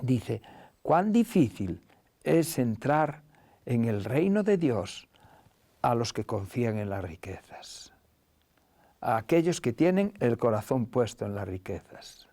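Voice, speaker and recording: A man preaching a sermon, slow and deliberate, sinking into a near whisper on key lines. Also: mid-range voice, big pitch swings, warm tone, no room sound.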